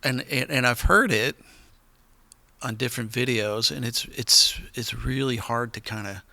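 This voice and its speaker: A man's voice: mid-range voice, measured pace, gravelly, sharp tone, no room sound. A man hosting a podcast, chatty and prompting his guest with questions and rambling asides. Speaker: podcast host. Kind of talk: casual interview chat.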